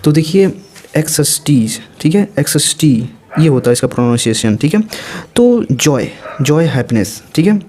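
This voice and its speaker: A man giving a casual exam-prep vocabulary lesson, talking in a lively, playful way with chatty asides. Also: on the high side, normal speed, slight background noise. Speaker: vocabulary teacher.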